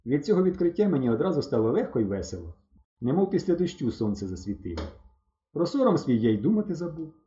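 A man reading a first-person story aloud in a lively, storytelling way. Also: fairly high pitch, quick pace. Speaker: audiobook narrator. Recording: roomy, slightly dull recording.

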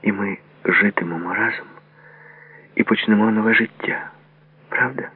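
A pleading young woman, anxious and tender, voiced by a man reading aloud, lifted somewhat above his very deep natural register. Her lines come softly, begging and hopeful. The sound is thin and phone-like, with a gravelly edge. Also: expressive, moderate pace, exaggerated voice. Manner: soft pleading delivery. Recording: tinny phone-like lo-fi audio.

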